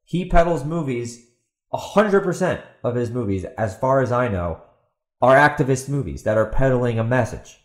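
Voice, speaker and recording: A podcast host and author delivers opinionated commentary, sarcastic and emphatic, repeating himself for stress. His medium-pitched voice is expressive and moderately paced, with a roomy sound.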